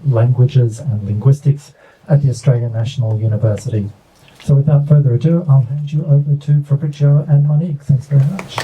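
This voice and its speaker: A man's voice: medium pitch, dark tone, lo-fi sound. A man who works at a bookstore opening an evening event with a polite, scripted welcome and introductions. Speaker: bookstore staff host.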